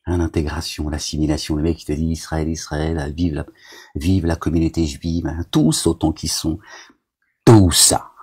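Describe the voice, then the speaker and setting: A man's voice: extremely low pitch, fairly even intonation, normal speed, darkish tone, breathy edge. A man delivering a rambling, agitated monologue to his viewers, scolding them as a self-styled preacher, with constant verbal tics.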